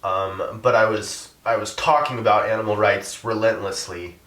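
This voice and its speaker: Halting activist interviewee, man, low voice, choked up, recorded from a distance in an echoey room. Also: fairly even intonation, a bit bright. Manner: halting, many fillers, voice rising when upset. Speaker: interviewee, animal rights activist. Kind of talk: emotional interview.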